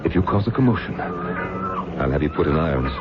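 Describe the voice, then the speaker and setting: An actor playing a stern, guarded sea captain in an old-time radio drama, questioning with a commanding, skeptical manner. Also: male voice, low voice, normal speed, lightly acted. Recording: noisy muffled old radio broadcast recording.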